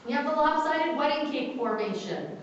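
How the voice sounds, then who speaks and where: A woman's voice: sits high, sing-song, normal speed, slight background noise. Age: adult. Sex: woman. Role: cave tour guide. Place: underground cave. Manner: directs the group and points things out with a laser. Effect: cave echo. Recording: echoey cave, far from the mic, dull lo-fi.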